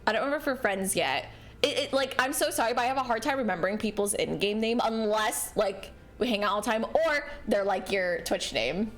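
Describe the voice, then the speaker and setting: Music plays in the background as a woman chats while gaming on a livestream, bubbly and cute, giggling and apologizing, full of excited hellos and exclamations. She speaks in a mid-range voice at a brisk pace.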